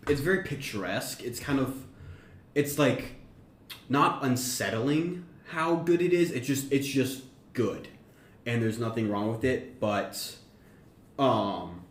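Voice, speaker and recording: Low-voiced man rambling through a story pitch. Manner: meandering, self-correcting storytelling. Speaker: podcast co-host. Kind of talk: casual chat, pitching a story idea. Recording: roomy echo, faint background noise.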